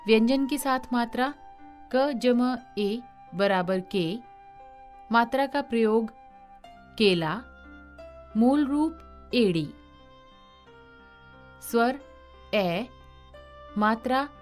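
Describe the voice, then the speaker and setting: A woman reads a scripted grammar lesson, naming letters and example words one by one. She speaks very slowly and deliberately, and her voice sits a little high. Faint music plays softly behind her. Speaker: teacher.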